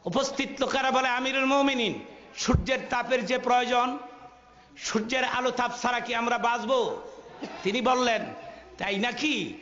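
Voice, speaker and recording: A high-voiced man preaching a Bengali sermon to a gathering. He acts out the quoted figures, chants Arabic phrases in a sing-song way and calls on the crowd to answer. The recording is dull and lo-fi, with a booming public-address echo. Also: moderate pace, a bit bright.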